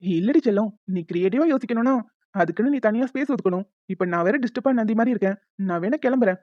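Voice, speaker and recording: A woman's voice: mid-range voice, expressive, fast talker, dry recording, natural voice. A woman voicing a teasing, playful young man in a cartoon. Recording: dull lo-fi, dry.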